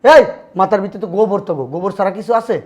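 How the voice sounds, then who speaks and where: A man's voice: high-pitched, fast, a little mellow, lo-fi sound, natural voice. A man playing a domineering older brother who scolds and dismisses his younger brother. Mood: scolding.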